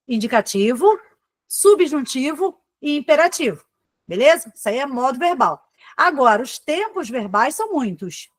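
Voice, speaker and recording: A Brazilian woman teaching a live online exam-prep class in a fairly high voice. She talks in a chatty, informal way, calls on students by name and tags her sentences with quick checks. The sound is dry and close, with no room echo. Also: a bit bright. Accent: Brazilian Portuguese. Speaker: Portuguese teacher.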